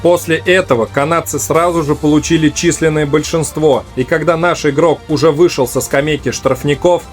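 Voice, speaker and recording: Higher-voiced man narrating a sports recap. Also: fairly even intonation, moderate pace, few pauses. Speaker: video channel host, narrator. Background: music.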